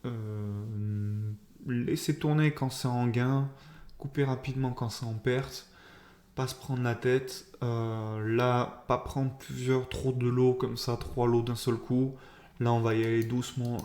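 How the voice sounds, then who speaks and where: Male trader vlogger, slight lisp, self-critical and halting, dark even tone, echoey room. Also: medium pitch. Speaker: trader keeping a video diary. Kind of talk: informal spoken debrief.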